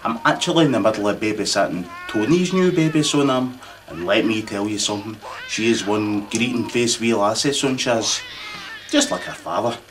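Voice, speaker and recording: A man's voice: fairly low pitch, lively intonation, moderate pace. A man with a Scottish accent delivering a mock-formal Christmas address, pompous and rambling, with local slang. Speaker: comic host of a mock royal address.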